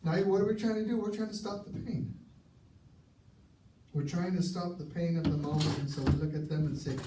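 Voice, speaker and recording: A man's voice: a little high, fairly even intonation, brisk, noisy background. A male pastor preaching a sermon in an earnest, emphatic way, repeating key phrases for effect. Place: church sanctuary. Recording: echoey church recording from far off.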